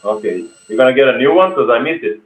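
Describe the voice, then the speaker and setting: A man talking on a video call, slow and easygoing in casual chat. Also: mid-range voice, expressive, reverberant.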